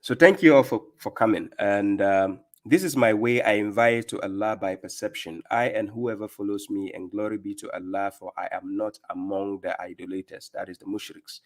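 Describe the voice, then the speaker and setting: A middle-aged man with a Ghanaian accent and a fairly low voice leads a live-stream religious talk. He speaks emphatically and firmly, often stopping to ask his viewers "right?". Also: moderate pace, few pauses. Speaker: livestream host and religious speaker.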